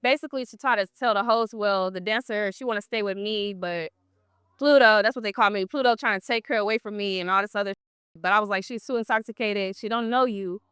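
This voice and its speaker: A woman, an exotic dancer being interviewed, telling blunt, profane stories in a casual, animated way. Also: medium pitch, brisk, smooth, no room sound, studio quality.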